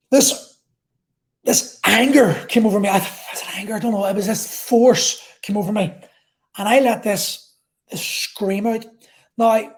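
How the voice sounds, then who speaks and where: A woman vlogger telling an intense personal story in a halting way, repeating phrases and swearing. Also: medium pitch.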